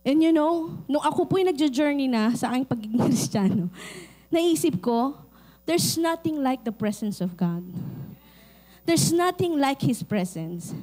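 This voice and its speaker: Filipino lady pastor, high voice, animated storytelling sermon, middle-aged. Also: moderate pace. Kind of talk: sermon with personal stories.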